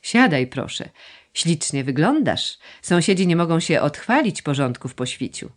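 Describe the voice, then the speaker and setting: A woman's voice: deep voice, very animated, normal speed. A woman reading as a fussy, plaintive noble mother. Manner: gushing, complaining, coaxing. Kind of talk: audiobook dialogue reading.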